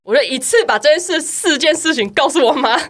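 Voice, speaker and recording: A young woman shares a candid personal story in casual podcast chat. Her voice sits a little high. She laughs often between her sentences. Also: animated, a little fast, fairly bright tone. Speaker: podcast co-host.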